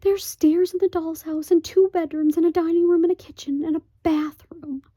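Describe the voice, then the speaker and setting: A woman voicing a fretful tiny borrower mother who pleads in a husky whisper. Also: extremely high pitch, fairly even intonation, moderate pace, warm tone, dry recording, studio quality, pitched above the performer's own voice. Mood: pleading. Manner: pleading, fluttery.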